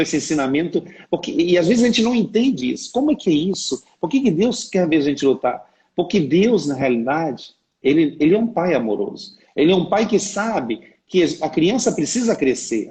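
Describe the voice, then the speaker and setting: Earnest Brazilian man with a high voice. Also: a little mellow, poor audio. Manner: earnest storytelling, often asks "né?". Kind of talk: preaching on a livestream. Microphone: livestream setup.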